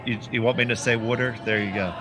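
Crowd noise fills the background as a curling play-by-play man with a Philadelphia accent jokes around with his co-commentator. He talks fast in a mid-range voice with a steady tone.

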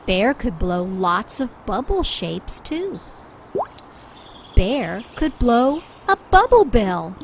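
With background music and a faint hum or hiss, a woman narrates a picture book for little kids at a very slow pace. Her fairly high voice is animated and careful, stretching out the words she stresses.

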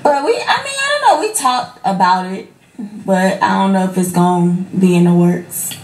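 A woman's voice: medium pitch, lively intonation, moderate pace. A woman about twenty in a casual chat, talking hesitantly and rambling with fillers. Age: 20s. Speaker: guest. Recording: echoey room, faint noise.

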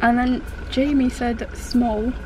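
A young British woman, a vlogger, chats casually to a camera resting on the dashboard of her car, rambling informally and getting flustered easily. Her voice is a little high, steady in tone and slow, with car and road noise in the background.

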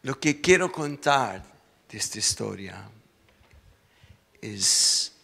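A man's voice: on the low side, slow pace, vocal fry, in a large hall, a little hiss or hum. A male pastor telling a story in a church sermon, acting out the voices as he goes. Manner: lively storytelling, acts out the voices. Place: church sanctuary.

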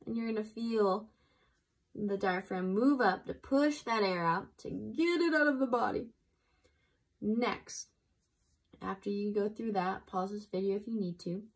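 A woman teaching an intro breathwork lesson, explaining slowly and gently and guiding the listener through breaths. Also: mid-range voice, slightly rough, poor audio. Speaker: breathwork instructor.

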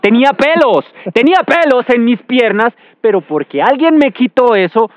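A man's voice: very high-pitched, expressive, moderate pace, dull audio. A man acting in a comedy skit, talking in a whiny, exaggerated way. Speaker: friend in the skit. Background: background music.

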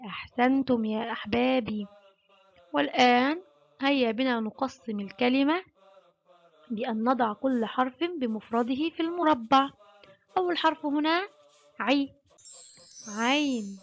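A woman with a high-pitched voice leads a phonics lesson for young children. She draws each sound out slowly and praises her class often. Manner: slow, drawn-out syllable sounding with warm praise. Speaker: kindergarten Arabic teacher.

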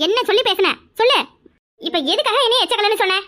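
A woman voicing a loud, quarrelsome middle-aged village woman in a cartoon, with a scolding, rapid-fire way of talking. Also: extremely high pitch. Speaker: cartoon character. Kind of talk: cartoon voice acting.

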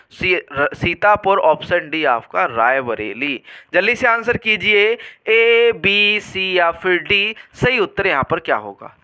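Male exam tutor, high clear voice, quizzing style. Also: pushed and bright. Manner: quizzing, repeats questions back to students. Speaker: exam prep teacher. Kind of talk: online exam lesson.

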